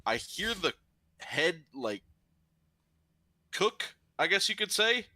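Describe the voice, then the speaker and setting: Lively guy telling a work story, bright voice, dry close mic. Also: high voice, slow, no room sound. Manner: animated, swearing, laughing storyteller. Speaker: gaming channel host. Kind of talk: casual storytelling chat.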